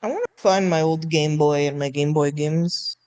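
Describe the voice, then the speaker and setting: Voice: medium pitch, fairly even intonation, normal speed, darkish tone. Eager rambling gamer voice. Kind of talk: casual gaming chat.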